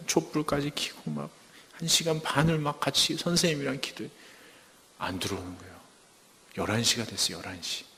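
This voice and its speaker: A man giving a testimony sermon at a church service, telling his story in a lively way and acting out the lines he quotes. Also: mid-range voice, long reverb tail.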